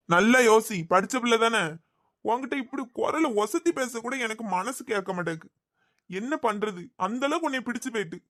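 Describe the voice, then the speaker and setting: A man's voice: very high voice, bright, forceful tone. A man voicing a possessive, scheming young groom in a cartoon, with a Thoothukudi Tamil accent and an insistent way of talking. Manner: pleading then menacing, insistent. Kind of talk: cartoon voice acting.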